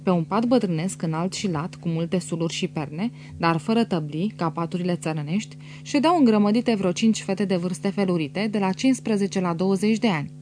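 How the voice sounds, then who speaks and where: A woman narrating a classic novel in a measured, descriptive way in an audiobook recording. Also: lowish voice, darkish tone, faint music behind. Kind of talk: scripted literary narration.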